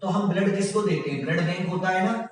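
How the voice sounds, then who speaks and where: A man teaching a general science class online, reading out quiz options slowly and praising his students often. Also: sits high, very echoey, big-room sound, far from the mic, poor audio.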